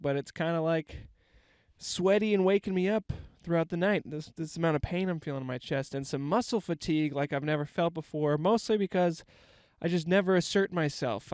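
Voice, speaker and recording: A man's voice: fairly high pitch, smooth, no echo. A young man with a stuffy, congested voice hosts a rambling, self-mocking comedy podcast from inside a parked van on a handheld mic. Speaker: podcast host. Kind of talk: casual comedic monologue. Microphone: handheld microphone.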